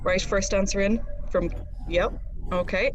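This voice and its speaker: A woman with a flat west of Ireland accent from East Galway, chattily hosting a live online quiz as a broadcaster. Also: medium pitch, measured pace, dull audio. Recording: music playing behind. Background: background quiz music.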